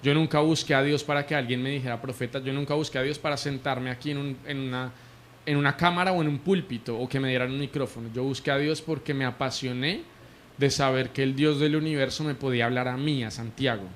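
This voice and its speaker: Colombian guy telling his faith story, earnest, lots of restarts, mid pitch, faint room hiss. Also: fairly even intonation, quick pace. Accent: Colombian Spanish. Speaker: prophet, interview guest. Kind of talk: conversational testimony.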